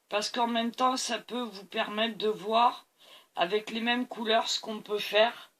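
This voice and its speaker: A woman's voice: medium pitch, fairly bright tone. A tired woman hosting a painting tutorial, talking to camera as she mixes colors and keeps praising them. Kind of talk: art demonstration talk to camera.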